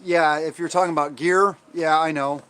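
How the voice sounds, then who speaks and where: An American man hosting a casual livestream, answering viewer comments in a halting, rambling way, often trailing off and restating himself. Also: fairly high pitch, fairly even intonation, fairly bright tone, clear, resonant tone. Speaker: livestream host.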